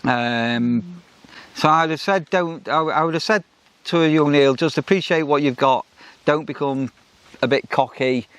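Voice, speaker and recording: A man's voice: on the high side, a little slow, fairly bright tone, no echo. A middle-aged man co-hosting a vlog in casual chat, rambling and restarting with lots of ums. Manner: rambling, repeats himself, many ums and restarts. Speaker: vlog co-host.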